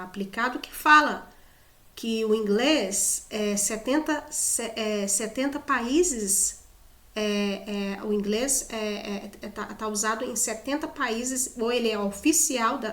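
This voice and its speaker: A woman's voice: medium pitch, a bit bright, roomy sound. A Brazilian woman teaching English in casual Portuguese, chatty, often adding "né?" and restarting words. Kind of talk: casual video lesson.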